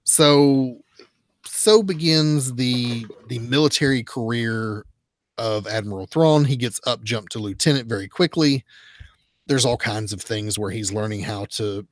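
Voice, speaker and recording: A podcast co-host with a fairly low voice recaps a comic book story at an unhurried pace. He chats casually and rambles, with lots of fillers and restarts.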